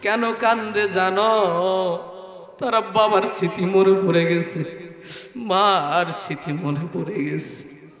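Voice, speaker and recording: A man preaches a sermon with impassioned, half-sung pleading. His voice sits high and sharp, and long reverb rolls behind every phrase. Faint music sits under him. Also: fairly even intonation, slow, pauses often. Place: outdoor religious gathering at a school ground.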